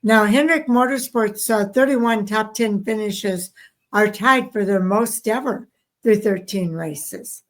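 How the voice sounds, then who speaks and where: Co-hosting a racing podcast, this Southern American woman reads off race stats in a casual, weary way, yawning as she goes. She speaks slowly in a medium-pitched voice.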